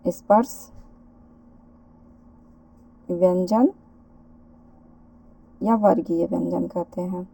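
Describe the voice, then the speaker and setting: A woman's voice: on the low side, steady tone, vocal fry, mellow, slightly rough. A woman teaching an exam-prep lesson, asking rhetorical questions and answering them herself. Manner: slow, repeats and asks rhetorical questions.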